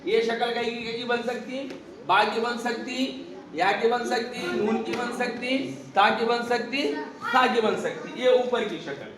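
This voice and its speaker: A man's voice: extremely high pitch, fairly even intonation, unhurried, crowd noise. A man teaching a class on Arabic letters, asking questions and repeating the answers himself. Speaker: religious teacher. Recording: echoey room, distant mic, background noise.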